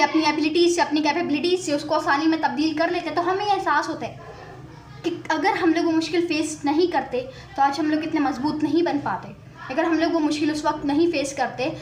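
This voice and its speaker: A woman's voice: sits high, reverberant, distant mic. A woman giving an earnest motivational talk, repeating her points and slipping English phrases into her speech. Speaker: motivational speaker.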